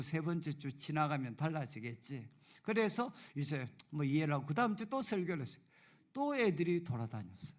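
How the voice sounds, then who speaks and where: A man preaching in a church sanctuary, his pitch slightly high and moving a lot as he talks. He tells stories about himself with animated, self-deprecating humor. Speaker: pastor. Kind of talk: sermon with personal storytelling.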